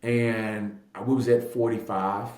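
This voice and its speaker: A man of about thirty, a real estate agent and investor, tells his story casually in an interview, animated and emphatic, repeating phrases and acting out bits of dialogue. His voice is fairly low with little pitch movement, slow-paced and a little mellow. The room is echoey, with slight background noise.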